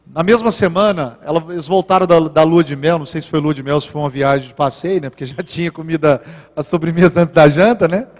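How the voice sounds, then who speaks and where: A Brazilian pastor preaching a sermon in a high, bright voice for a man. He tells stories in a lively way and acts out each conversation. The sound hangs in a long, reverberant church hall. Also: quick pace. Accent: Brazilian Portuguese. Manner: lively storytelling, acting out dialogue. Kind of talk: live sermon with personal stories.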